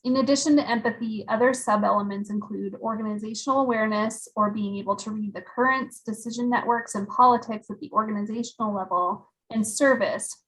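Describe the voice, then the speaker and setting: A woman giving a scripted workshop presentation with steady, explanatory delivery. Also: mid-range voice, rough recording.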